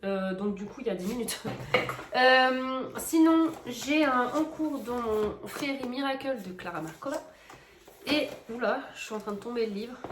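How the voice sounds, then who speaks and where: A woman's voice: high voice, noisy background. A middle-aged woman chatting casually in a coloring vlog, rambling with many fillers and restarts. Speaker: coloring vlogger. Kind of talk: casual chat.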